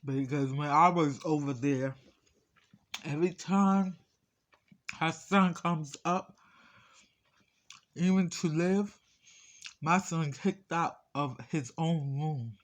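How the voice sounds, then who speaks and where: A man telling a personal story in a casual mukbang style, talking with his mouth full in short, halting phrases, aggrieved and repeating himself insistently. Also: on the high side. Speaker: vlogger.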